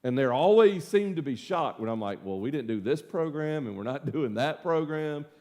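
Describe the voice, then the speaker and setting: A man's voice: fairly high pitch, expressive, normal speed, a little mellow. A middle-aged man teaching a casual Bible study as pastor, a folksy, self-deprecating storyteller.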